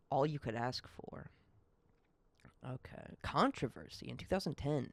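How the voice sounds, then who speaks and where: A man's voice: medium pitch, vocal fry, no echo. A young man hosting a solo podcast, ranting in a rambling, profane, heated way. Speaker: podcast host. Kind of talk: solo comedic podcast rant.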